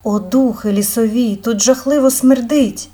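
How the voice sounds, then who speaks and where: A woman's voice: a little high, expressive, takes it slowly, slightly rough, voice pushed up, heavily acted. A woman voicing Lana, a jumpy younger sister. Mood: uneasy.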